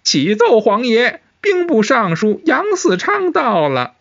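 Man putting on a shrill palace eunuch, high and drawn-out, dull muffled sound. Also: huge pitch swings, creaky, a bit bright, full character voice. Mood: announcing. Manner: drawn-out, announcing.

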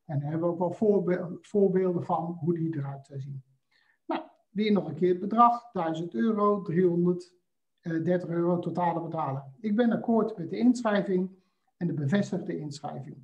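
A man presenting a screen-share software walkthrough, talking hesitantly with frequent filler sounds. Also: sits high, moderate pace. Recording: slightly dull lo-fi audio.

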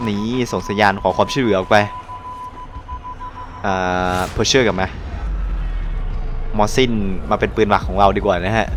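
Excitable man narrating his gameplay. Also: fairly low pitch. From Thailand. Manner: excitable, swears and laughs often, exclaims at the action. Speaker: gaming channel host. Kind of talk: casual live gameplay commentary.

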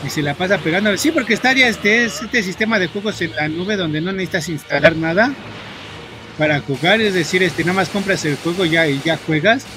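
A Mexican gaming streamer with a high-pitched voice chats casually to viewers as he plays, with background noise and loud game music under him. He rambles, plugs every pause with "este" and curses at the game in bursts.

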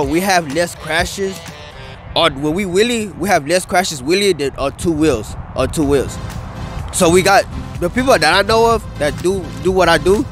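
Fairly high-pitched and a bit bright, the young adult wheelie rider answers questions casually on an open field outdoors, the city skyline nearby. The interviewer holds a handheld mic for him as he rambles in slang full of "bro" and "dude," and background music plays under the recording.

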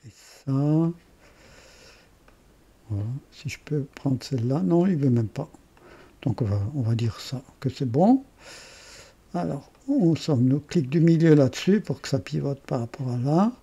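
Slow, husky Alsatian man explaining software. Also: fairly high pitch, expressive, muffled recording. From Alsace. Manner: thinking aloud, self-correcting, chatty asides. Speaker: software tutorial host. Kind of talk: screen-recorded software tutorial.

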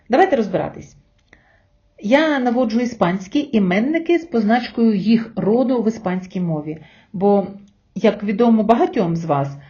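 Mellow-voiced woman teaching a language lesson. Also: mid-range voice. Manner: clear, patient explaining with rhetorical questions. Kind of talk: scripted lesson narration. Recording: slightly dull lo-fi sound.

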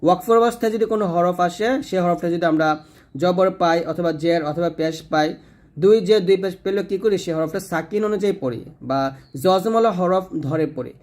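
Man, from Bangladesh, recitation teacher, patient explaining, slow drawn-out reciting, slightly high voice. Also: darkish tone. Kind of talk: spoken lesson on correct recitation.

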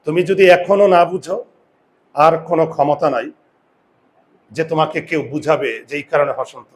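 A man teaching a grammar lesson, asking students rhetorical questions and slowly stressing and repeating key words, with confident asides. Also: a little high, a little hiss or hum. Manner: addresses students directly with frequent rhetorical questions. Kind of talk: classroom-style video lesson.

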